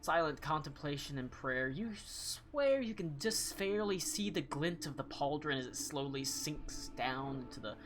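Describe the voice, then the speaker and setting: A man's voice: on the high side, lively intonation, a little slow, hardly any pauses, a bit bright, faint music behind. A man narrating as game master of a tabletop game, casual and full of fillers as he describes the scene.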